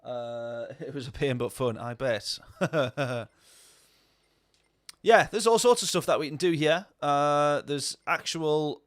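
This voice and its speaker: A man's voice: on the high side, slow, no echo, studio quality. A man talking casually over a racing game stream, rambling and answering viewer chat. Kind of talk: casual gameplay commentary.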